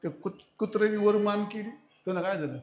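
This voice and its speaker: A man preaching a devotional sermon, telling a folk fable with humor and lively storytelling. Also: high-pitched, brisk. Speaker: kirtan preacher. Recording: echoey hall.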